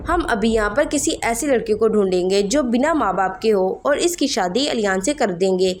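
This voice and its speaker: A woman's voice: medium pitch, animated, moderate pace, a little mellow, slight background noise, lightly acted. A woman voicing a middle-aged mother who is anxious but firm and commanding, in a Hindi horror story reading. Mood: stern.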